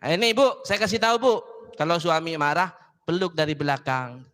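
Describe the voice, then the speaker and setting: High, bright-voiced preacher man in a hall. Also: expressive, a little fast. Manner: joking, chatty, addresses audience directly. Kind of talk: casual sermon to women's gathering. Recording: long hall reverb.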